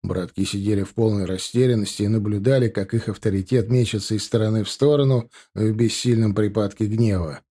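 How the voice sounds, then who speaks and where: A male audiobook narrator with a mellow, dark voice, telling a gritty crime story at an even, steady pace. His delivery stays calm between the scenes. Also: on the low side, brisk, hardly any pauses. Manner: steady storytelling with character quotes.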